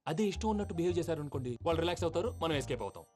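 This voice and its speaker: A man's voice: fairly high pitch, lively intonation, very fast, a little mellow, close to an everyday voice. An actor playing a talkative, scheming young lover in a film comedy, telling his story at length. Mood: earnest. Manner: long-winded storyteller, dramatic. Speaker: film hero.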